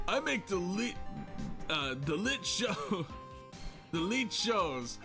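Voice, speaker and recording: A man's voice: sits high, very animated, drawn-out words, creaky, music in the background, voice pushed up, exaggerated voice. A man doing a drawling pompous producer. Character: flamboyant pompous male TV producer. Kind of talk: reading game dialogue aloud.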